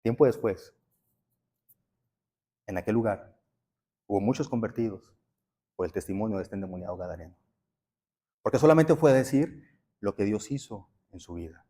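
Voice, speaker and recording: A man's voice: lowish voice, expressive, moderate pace, pauses often, mellow, breathy edge. A man, preaching a sermon in a church and telling stories in a conversational way. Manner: conversational storytelling preaching, addresses listeners as brothers. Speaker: pastor. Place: church sanctuary.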